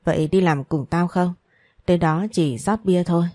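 A brash young woman brushes off her friend bluntly and impatiently, as a woman storyteller voices her. The voice sits low and mellow. It is recorded dry. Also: moderate pace, dry recording, close to an everyday voice.

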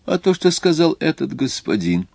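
A man's voice: on the high side, very animated, normal speed, vocal fry, a little mellow, husky, no room sound, pitched above the performer's own voice, exaggerated voice. A man reading an audiobook, voicing a doubting, teasing doctor among the passengers. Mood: skeptical. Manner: teasing, probing. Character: skeptical, mocking doctor, middle-aged man.

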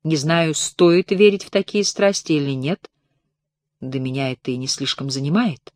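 A woman's voice: low-pitched, normal speed, a little mellow, natural voice. A woman reading a hesitant, uneasy old-world landowner.

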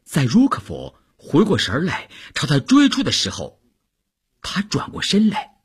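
A male narrator reads a novel aloud, his voice strongly husky and full of breath. His pitch rises and falls over a very wide span, giving the reading a vivid, dramatic shape. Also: moderate pace. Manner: expressive, dramatic. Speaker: audiobook narrator.

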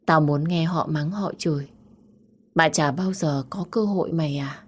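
A woman voicing a young woman who consoles her best friend in a warm, coaxing way. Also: sits low, moderate pace, husky. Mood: comforting.

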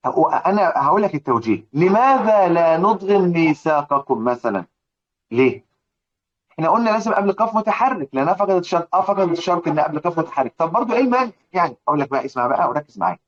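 A man's voice: fairly high pitch, sing-song, very fast, lo-fi sound. A man with an Egyptian accent teaching a religious lesson on recitation rules, who drills his students with repeated rhetorical questions. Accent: Egyptian Arabic. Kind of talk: religious lesson explaining a poem.

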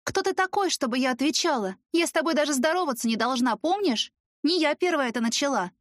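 Defiant young student, mocking and high-pitched, voiced by a woman; audiobook heroine, dry. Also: animated, fast, no room sound. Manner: mocking and raised. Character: young female student, sharp-tongued and defiant.

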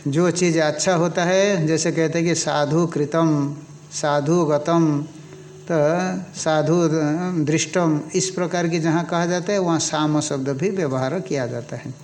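Guy lecturing on old scripture, slow careful talk, chants sanskrit lines then breaks them down. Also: fairly high pitch, steady tone, darkish tone, a little hiss or hum. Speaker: teacher expounding an Upanishad.

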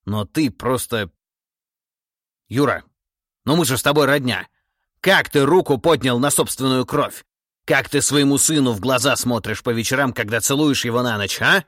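A man voicing a stern, cold middle-aged tsar in an audiobook, speaking in a measured, menacing, authoritative way. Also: on the low side, no room sound, studio quality, lightly acted. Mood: reproachful. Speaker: monarch interrogating a relative. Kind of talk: audiobook character voice.

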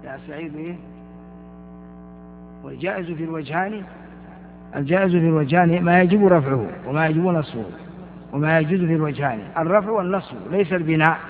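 A man's voice: a little high, quick pace, long pauses, noisy background. An older man teaching Arabic grammar in a lecture, repeating examples and asking and answering his own questions. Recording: tinny, echoey old lecture recording.

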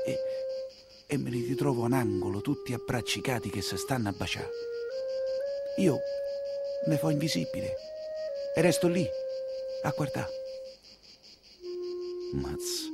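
A stage and radio actor with a lowish voice plays an earthy, talkative 19th-century coachman with a Roman accent. In a colloquial, theatrical dialect monologue, he tells his tale, exclaiming and confiding.

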